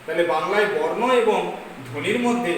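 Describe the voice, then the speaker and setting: Woman teacher dictating in an echoey room. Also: lowish voice. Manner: slow dictation, repeating phrases for note-taking. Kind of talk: dictating a class twelve grammar lesson. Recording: very echoey room, distant mic, faint noise.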